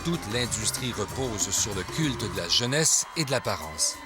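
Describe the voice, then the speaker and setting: Male news reporter with a lowish voice, scripted voice-over, measured delivery, music bed behind. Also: expressive.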